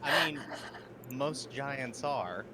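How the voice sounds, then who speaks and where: A man playing a wary, reluctant rogue in a tabletop game, halting and evasive. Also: mid-range voice, lively intonation, crowd noise. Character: wary, reluctant male rogue dodging a fight. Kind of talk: tabletop role-play. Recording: clearly noisy background.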